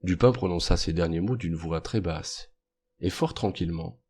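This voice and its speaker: A man narrating a classic story as an audiobook in a measured, even manner. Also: sits low, husky.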